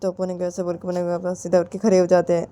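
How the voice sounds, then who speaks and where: A woman's voice: fairly low pitch, completely flat delivery, very fast, dark tone, dry recording. A woman narrating a family story casually, repeating her connecting phrases. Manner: repetitive, filler-laden narration.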